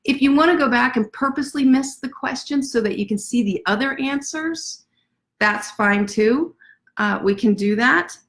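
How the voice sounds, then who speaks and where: A woman author hosting a casual livestream from her desk, chatty and self-deprecating, talking fast. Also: sits high, a bit bright. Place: at a desk indoors.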